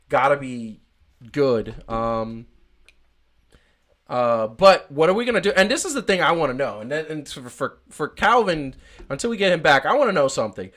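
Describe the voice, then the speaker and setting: A man's voice: mid-range voice, fairly bright tone. A man hosting a casual podcast, rambling with many fillers and restarts. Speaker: podcast host.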